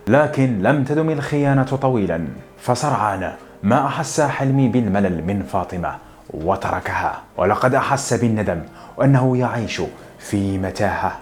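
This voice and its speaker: A man narrating a novel as an audiobook, in a steady storytelling delivery. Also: on the low side. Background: soft guitar music.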